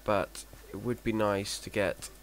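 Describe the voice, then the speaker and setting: Talking unhurriedly over his Minecraft gameplay, a man with a low voice drones in a monotone he admits to, his word endings turning gravelly. His casual commentary drifts, falters, and mocks himself, and a steady hiss underlies the noisy home recording.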